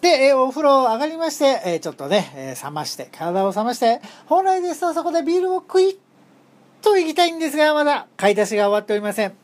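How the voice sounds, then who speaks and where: A woman's voice: high-pitched, sing-song, fast. Polite woman recounting a solo trip. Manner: polite and formal with humorous asides; frequent hesitations while recounting. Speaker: podcast host. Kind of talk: solo travel storytelling.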